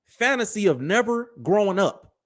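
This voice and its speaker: In his early thirties, a man with a high voice hosts a live commentary show, speaking straight to his listeners. He lectures them preachily, full of street slang, very animated at a normal speed.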